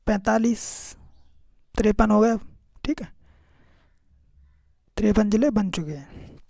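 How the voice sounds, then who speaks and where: Drilling exam tutor with a mellow tone. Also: male voice, sits high, slow, vocal fry, no echo, clean studio sound. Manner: keeps repeating "okay" and "remember this", quizzing listeners. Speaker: exam-prep teacher. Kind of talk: casual recorded exam-prep lecture.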